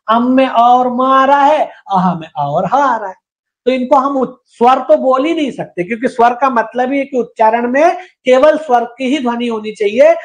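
A man teaching Hindi grammar in an exam-prep lecture, who asks and answers his own questions, repeats each point and sounds out syllables for students to copy. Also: extremely high pitch.

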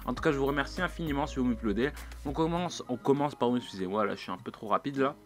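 A man's voice: medium pitch, a bit bright. A young man, chatting casually to his viewers in a rambling, slangy way with plenty of fillers. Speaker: YouTuber. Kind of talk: casual vlog monologue.

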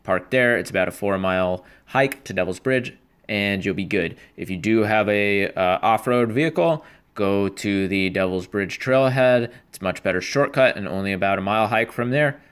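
A man hosting a casual travel vlog at a desert campsite, talking in a relaxed, rambling way with many pauses and fillers into an action camera. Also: lowish voice, clear, resonant tone, no echo. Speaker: vlogger and trip host. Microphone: action camera mic.

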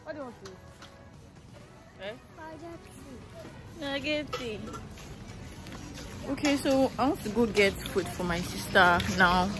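A woman's voice: a little high, measured pace, long pauses, music in the background. Chatty young Nigerian woman vlogging outdoors. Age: young adult. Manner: chatty, laughing, switching into pidgin. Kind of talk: casual vlog walkthrough. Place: outdoors in a rural neighborhood. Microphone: phone held at arm's length.

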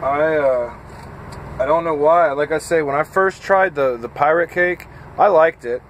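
A man in his thirties, a truck driver, chatting casually and haltingly with lots of fillers while tired and a bit scattered, filmed on a phone at arm's length in his parked cab. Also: on the high side, fairly bright tone, slight background noise. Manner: rambling, halting, with frequent fillers. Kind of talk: casual vlog chat. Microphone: phone camera at arm's length.

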